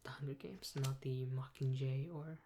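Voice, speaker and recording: A woman soft-spoken a role-play as a helpful, patient librarian, breathy and gentle, close to a binaural microphone. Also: a bass voice, level tone. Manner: gentle, unhurried customer-service talk with pauses. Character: helpful, patient female librarian serving a patron. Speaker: ASMR performer playing a librarian. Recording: close binaural mic with clear hiss.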